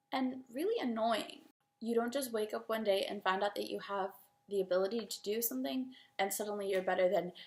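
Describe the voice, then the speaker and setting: Gravelly-edged young woman ranting about books. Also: mid-range voice. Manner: animated, exasperated ranting with frequent "like". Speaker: book vlogger. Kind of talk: casual opinion vlog.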